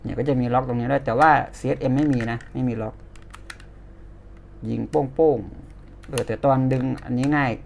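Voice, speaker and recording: Gravelly Thai man reviewing toys. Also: medium pitch, fairly even intonation, moderate pace, pauses often, a little mellow, slight background noise. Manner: chatty, hands-on, pointing things out. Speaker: toy reviewer. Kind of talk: casual toy review demo.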